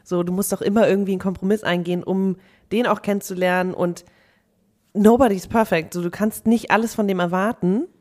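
A woman's voice: medium pitch, fairly even intonation, fairly quick, a little mellow. A young woman co-hosting a podcast, chatting casually and reading out listener letters, with frequent fillers. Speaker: podcast co-host.

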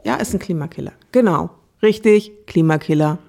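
Gravelly voice agreeing in casual chat. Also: mid-range voice, a little fast, a little mellow. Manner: chatty, agrees a lot, mixes up words. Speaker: podcast co-host.

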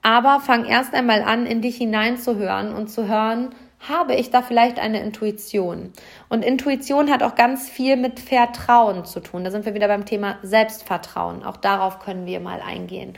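A woman with a slightly higher voice hosts a solo motivational podcast. She speaks earnestly and encouragingly, addressing the listener directly. Her manner is lively and bubbly. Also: normal speed, gravelly. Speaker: podcast host.

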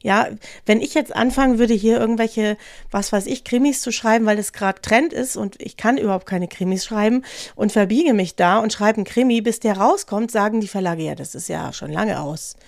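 A woman's voice: mid-range voice, a little fast, creaky, a little mellow, no room sound, studio quality. A woman in her fifties co-hosting a podcast, speaking in a direct, emphatic, conversational way. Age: 50s. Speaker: podcast co-host. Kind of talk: casual discussion.

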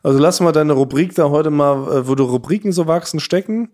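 A man hosting a podcast, bantering and teasing his co-hosts with quick, bossy interruptions. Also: fairly high pitch, darkish tone. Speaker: podcast host. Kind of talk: casual banter.

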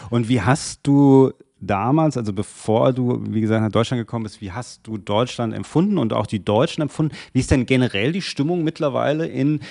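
A male interviewer chatting casually, often answering with quick agreement. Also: mid-range voice, creaky, no room sound, studio quality. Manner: relaxed, with frequent backchannel "ja, ja". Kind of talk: interview conversation.

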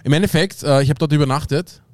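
A man's voice: on the high side, quick pace, a little mellow. A young man with an Austrian German accent, rambling through an anecdote in casual slang with lots of fillers. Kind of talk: casual chat.

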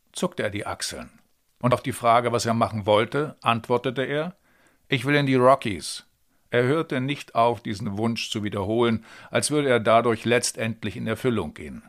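A man reading a German translation of a novel excerpt in a calm, measured literary style. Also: mid-range voice.

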